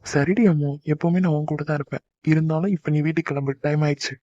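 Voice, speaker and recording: A man voicing a gentle young man in a cartoon, soothing and teasing his crying sweetheart. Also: a little high, fairly even intonation, fast, no echo, natural voice. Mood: soothing tender. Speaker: voice actor. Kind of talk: cartoon love-story dialogue. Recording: dull lo-fi dry recording.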